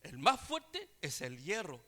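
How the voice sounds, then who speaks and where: A man voicing a plain-spoken talking rock in a sermon parable, speaking slowly and low. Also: wildly swooping pitch, pushed and bright, heavily acted. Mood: matter-of-fact.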